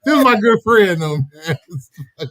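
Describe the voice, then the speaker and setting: Lively storytelling man, close and dry. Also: sits high, moderate pace, no room sound. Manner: animated, laughing, slips into quoted voices. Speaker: podcast host. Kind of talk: casual storytelling chat.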